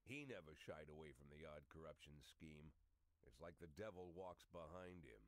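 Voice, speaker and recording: An older police chief in a noir video game, weary and sardonic. His voice is low, and he speaks in dry, terse, hard-boiled lines. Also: lively intonation, moderate pace, no echo. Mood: wry narration.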